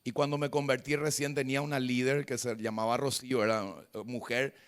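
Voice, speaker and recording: A male pastor preaching a sermon in church, telling a personal story and tagging his sentences with a questioning "right?", moving between loud exclamations and hushed confessional passages. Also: mid-range voice, little pitch movement, fairly quick, clear, resonant tone. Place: church service before a congregation.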